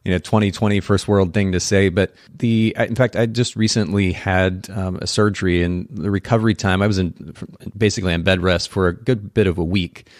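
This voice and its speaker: A man's voice: sits low, fairly even intonation, brisk, hardly any pauses, no echo, studio quality. A man hosting a podcast interview, thoughtful and conversational, often repeating words as he restarts his sentences. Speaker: podcast host.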